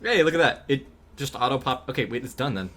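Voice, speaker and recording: Male streamer, easygoing and chatty, mid-pitched voice, faint music underneath; casual drawing-stream talk. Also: fairly quick. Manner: relaxed, rambling, thinks aloud with frequent ums and laughs. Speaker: streamer and animator. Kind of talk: casual chat while drawing on a livestream.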